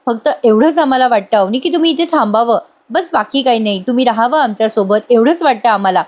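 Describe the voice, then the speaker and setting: A woman voicing a calm elder brother who gently reassures a young woman. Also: on the high side, fast, lightly acted. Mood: reassuring.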